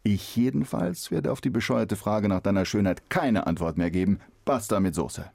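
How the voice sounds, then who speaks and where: An actor playing a grumpy, fed-up magic mirror that grumbles in a gravelly voice. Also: male voice, lowish voice, expressive, moderate pace, darkish tone, no room sound. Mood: annoyed. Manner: grumbling, exasperated. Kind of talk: radio play fairy tale.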